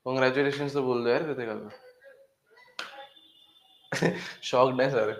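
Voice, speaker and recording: A man's voice: mid-range voice, measured pace, vocal fry. A man teaching a chemistry class online, calling the students "beta" and repeating each phrase to drive it home. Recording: echoey room.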